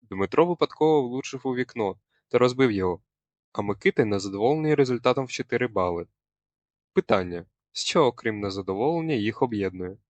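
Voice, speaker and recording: A man's voice: medium pitch, animated, fast talker, no room sound. A young male student presenting a scripted language lesson, explaining a word and quizzing viewers in a teacherly way. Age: young adult.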